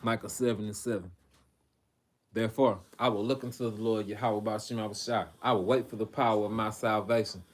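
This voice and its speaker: A man reading scripture on a livestream, with casual, profane asides and halting, filler-laden commentary. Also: lowish voice, fairly even intonation. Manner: halting, frequent fillers and restarts. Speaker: preacher on a livestream.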